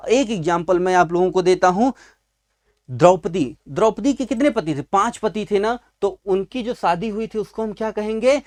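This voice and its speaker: In a class video, a man stands at a writing board teaching exam-prep vocabulary in a high-pitched, slightly mellow voice at a moderate pace. Fond toward his students, he answers his own questions and keeps repeating the key words.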